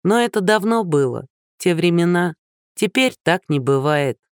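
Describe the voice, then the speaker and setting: A man reading an audiobook, voicing Liza, a prickly, sharp-tongued young woman, in a higher voice with clipped retorts. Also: expressive, moderate pace, clean tone, no echo, clean studio sound. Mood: scornful.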